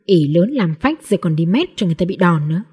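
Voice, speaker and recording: Woman doing a bratty hungry street kid, talks back, husky and dark. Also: lowish voice, sing-song, fast, heavily acted. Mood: defiant. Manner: cheeky, rude back-talk. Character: scrappy hungry street boy, defiant.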